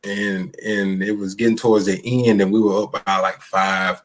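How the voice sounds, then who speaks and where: Texas coach guy with a country twang, loud and animated, telling stories in a live chat. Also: fairly low pitch, moderate pace. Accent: East Texas. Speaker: basketball coach. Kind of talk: casual live interview.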